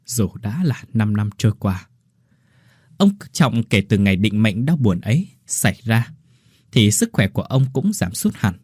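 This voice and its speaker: A man reading a horror story aloud as a storyteller, with dramatic, expressive delivery. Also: fairly low pitch, husky, no room sound, studio quality. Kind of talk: scripted horror story narration.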